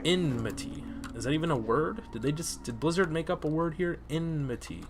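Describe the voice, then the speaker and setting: A man's voice: fairly high pitch, lively intonation, quick pace, slight background noise. A young man casually commenting on his gameplay, chatty and joking, swearing freely. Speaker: gaming host.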